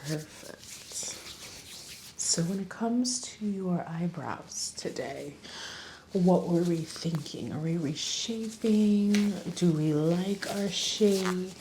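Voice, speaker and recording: A woman whispering softly and slowly in an ASMR roleplay as a spa esthetician, chatty and reassuring. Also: lowish voice, background noise. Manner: soft whisper, slow and soothing, chatty reassurance.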